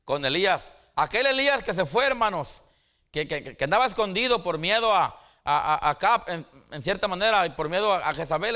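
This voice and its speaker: A middle-aged pastor preaching a sermon in a somewhat high voice. He stumbles into repeated restarts and keeps addressing his listeners as brothers. His delivery swings from raised, emphatic peaks to quiet, low asides. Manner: stammering restarts, calls the congregation brothers, pitch swings high and drops low.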